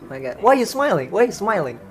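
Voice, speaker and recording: Over faint background music, an Indonesian man with a high-sitting voice talks fast and very animatedly. He hosts video chats where he sings to strangers, teasing them playfully and laughing at his own jokes in casual banter.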